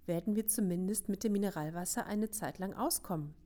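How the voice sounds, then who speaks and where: A woman's voice: mid-range voice, fairly quick, mellow, lightly acted. A woman reading aloud, voicing a practical girl who argues and pushes. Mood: reasoning.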